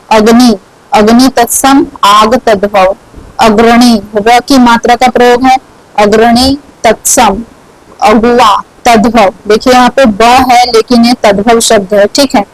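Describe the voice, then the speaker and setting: A woman teaching a grammar lesson at a slow, deliberate pace, with a voice that sits a little high. She says each word twice and asks herself questions, then answers them. The sound is dry and close, with no room echo.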